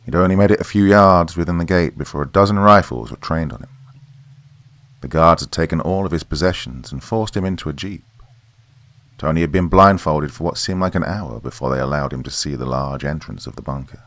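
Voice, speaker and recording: A man narrating a horror story in a steady, measured reading voice. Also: rumbling low, dry recording.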